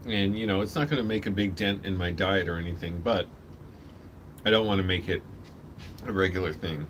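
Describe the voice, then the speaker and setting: A man's voice: sits low, brisk, a bit bright. A man rambling casually while eating, talking with his mouth full. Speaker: vlogger. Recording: clearly noisy background hum.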